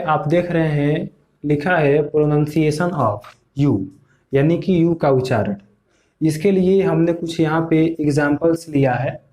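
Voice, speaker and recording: Patient male teacher, higher voice. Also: darkish tone. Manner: patient, repeats points slowly for learners. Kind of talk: explaining English pronunciation lesson.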